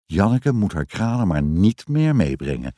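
A man reading a children's story aloud in an expressive, sing-song storytelling manner. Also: low voice, normal speed, no room sound, studio quality. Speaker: narrator.

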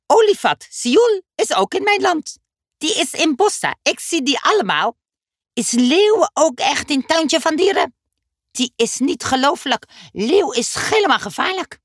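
A woman voicing an eager, excitable boy who speaks in broken, ungrammatical sentences. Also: high voice, unhurried, no echo, studio quality, pitched above the performer's own voice. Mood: excited.

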